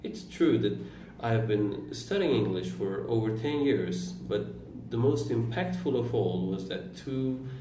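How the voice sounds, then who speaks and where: Here an Iranian man in his 20s, a Turkish native speaker and vlogger, muses about his life slowly, stopping often and correcting himself as he goes. He has a lowish, warm voice and lively intonation, picked up by a distant mic in a roomy space with slight background noise.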